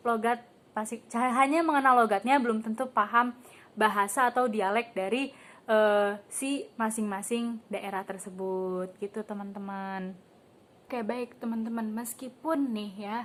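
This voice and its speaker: A young adult woman, a student teacher, runs a casual classroom lesson, quizzing the class and calling on students by name with casual filler words. Her voice is on the high side and a bit bright, with a little hiss or hum.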